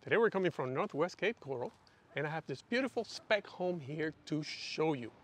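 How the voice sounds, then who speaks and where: Walking indoors through an empty new house, this man, a real estate agent, gives a relaxed home tour with informal sales talk, frequently ending phrases with "okay." His slightly high voice is animated and moves at a moderate pace, and the empty rooms add an echoey reverb.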